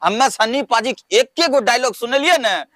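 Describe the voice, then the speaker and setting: A man's voice: very high-pitched, lively intonation, normal speed, background noise. A man playing a boastful village father and film superfan, talking in a brash, theatrical way. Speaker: comedy sketch performer. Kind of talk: rustic comedy skit.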